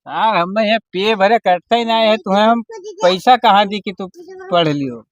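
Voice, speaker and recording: A man's voice: high voice, moderate pace, muffled recording, natural voice. A man playing a shiftless, argumentative drunkard son in an amateur village comedy, wheedling in an Awadhi accent. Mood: dismissive, irritated. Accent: Awadhi, eastern Uttar Pradesh.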